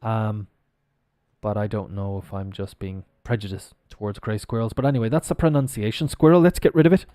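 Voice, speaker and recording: A man's voice: lowish voice, fairly quick, warm tone, no room sound, clean studio sound. A man teaching English pronunciation on a live stream, spelling words out letter by letter and chatting casually as he goes.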